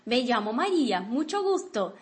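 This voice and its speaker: A woman's voice: on the high side, sing-song, normal speed. A woman reading a friendly new employee. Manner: plain, courteous textbook reading. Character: friendly young woman starting a new job.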